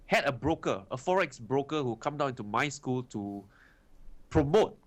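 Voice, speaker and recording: This guest trader, a man in his twenties from Singapore, talks about his beginnings in trading in a chatty interview, his Singaporean English accent clear. He sounds animated at a moderate pace in a mid-range voice. "Right" and "you know" come up again and again.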